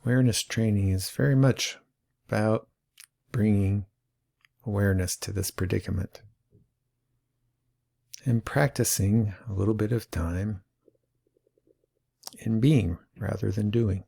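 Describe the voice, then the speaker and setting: Guiding listeners through an awareness lesson, this mindfulness teacher speaks in a deep, gravelly, mellow voice with a dark edge. He moves very slowly and calmly, leaving long pauses, never hurrying.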